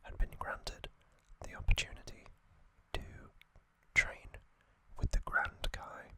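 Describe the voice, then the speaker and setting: Whispering entirely without voice, a host gives a slow, soft, breathy ASMR recap with a bright, crisp edge. The delivery stays relaxed and conversational, with a few casual fillers and asides.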